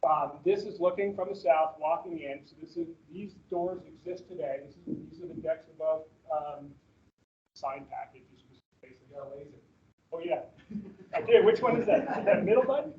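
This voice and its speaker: A man with a slightly higher voice walks colleagues through slides in a meeting room, heard over a video call. He talks casually, rambling and restarting with plenty of fillers. The audio is dull and lo-fi, like a captured meeting call. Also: lively intonation, moderate pace. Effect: heard through a video-call meeting recording. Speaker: manager presenting at a staff orientation. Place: meeting room with people present.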